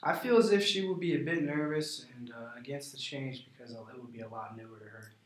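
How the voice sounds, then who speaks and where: A man in a rehearsed business role play, answering as a prospective client in a measured, formal way. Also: mid-range voice. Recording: echoey, roomy sound.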